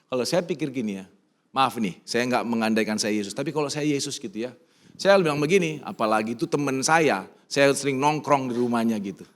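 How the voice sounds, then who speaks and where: In a church sanctuary, a middle-aged pastor with an Indonesian accent preaches a sermon in a middle-pitched voice, speaking a little fast with lively intonation. He moves between emphatic, rising calls and quiet, personal storytelling, and he slips English phrases into his preaching.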